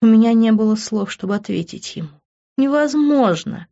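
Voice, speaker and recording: A woman narrating a romance novel in the first person with even, emotional delivery. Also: fairly high pitch, normal speed, highs cut off. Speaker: audiobook reader.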